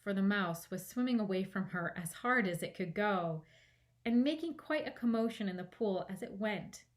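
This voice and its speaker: A woman reading a children's audiobook aloud as a storytime librarian, in an expressive narrating style. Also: mid-range voice, normal speed.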